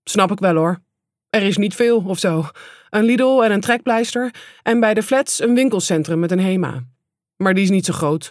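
Woman audiobook reader, mid-range voice, plain measured delivery, dry close recording. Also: medium pitch, no echo. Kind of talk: audiobook narration.

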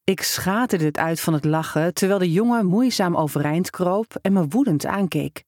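Storyteller for a first-person story reading, mid pitch, steady and measured, in a dry close take. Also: dry recording.

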